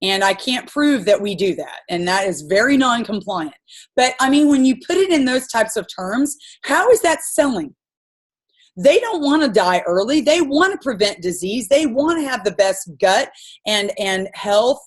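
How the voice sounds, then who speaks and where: A woman's voice: fairly high pitch, big pitch swings, moderate pace. A woman coaching her sales team on a group call, giving an impassioned, rambling pep talk full of stories.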